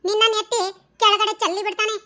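A very high, bright cartoon voice of a combative young wife, as a woman dubs her. She scolds and insults with sharp force. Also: level tone, fast talker, slight background noise. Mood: threatening. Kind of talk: cartoon dubbing.

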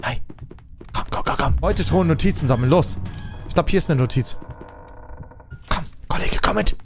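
A young man commenting loudly on a horror game, joking, laughing and letting out mock screams. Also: a little high, fairly quick, background noise. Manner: loud, jokey, shouts and mock screams. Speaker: gaming streamer. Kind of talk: excited gameplay commentary. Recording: game music underneath.

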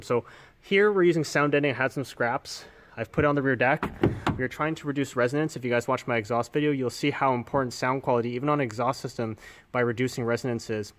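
A man's voice: mid-range voice, a bit bright. A man hosting a car audio channel, explaining his work step by step while he works on a car in a garage. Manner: explanatory, hands-on, addresses viewers directly. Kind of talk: casual how-to explanation.

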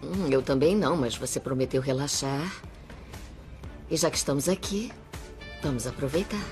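A woman's voice: low voice, moderate pace, music in the background, close to an everyday voice. An actress with a Brazilian accent playing a coaxing, seductive woman in a dubbed soap opera.

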